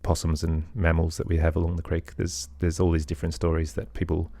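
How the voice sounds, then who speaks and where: There's vocal fry in this middle-aged man's low, mellow, completely flat voice, and he talks briskly. As a musician and storyteller guesting in an interview, he reflects in loose phrasing, leaning on "sort of" and "kind of."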